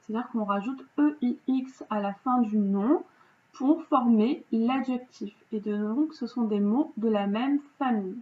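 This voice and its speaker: A woman teacher slowly correcting vocabulary exercises, explaining rules patiently step by step. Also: fairly high pitch. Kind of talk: remote vocabulary lesson correction. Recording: dull lo-fi home recording.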